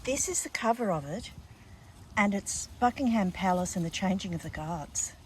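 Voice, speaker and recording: A woman's voice: medium pitch, expressive, moderate pace, noisy background. An older woman with an Australian accent chatting casually and effusively to her vlog viewers. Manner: effusive, addresses listeners as darlings. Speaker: vlogger.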